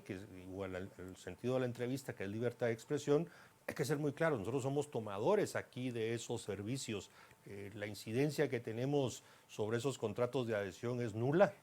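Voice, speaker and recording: A man interviewing a guest, putting long, emphatic questions in a measured way. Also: mid-range voice, darkish tone.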